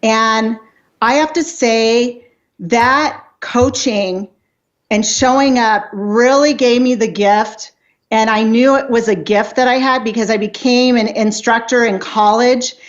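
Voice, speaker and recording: A woman's voice: on the high side, takes it slowly, lo-fi sound. A woman in her fifties, a life coach talking earnestly and motivationally as an interview guest, with frequent restarts. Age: 50s. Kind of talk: casual interview chat.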